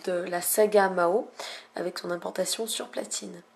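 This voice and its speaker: Hushed young woman, quiet night-time gamer. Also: steady tone, normal speed, creaky, slightly rough. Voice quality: low-volume, hushed voice slipping into whispers. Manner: lyrical, florid wording with many hesitations. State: slight cough lately. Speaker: video game player narrating own recording. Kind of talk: hushed late-night game commentary.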